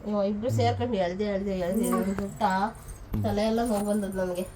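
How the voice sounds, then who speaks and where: A woman's voice: medium pitch, steady tone, quick pace. A woman, insistently nagging her husband at home. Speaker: wife and mother. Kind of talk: casual family banter. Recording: clear background noise.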